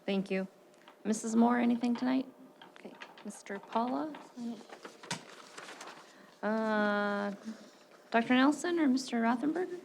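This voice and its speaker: A woman chairing a school board meeting, brisk and joking as she calls on members and runs the votes. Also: a little high, gravelly, a little mellow, a little hiss or hum.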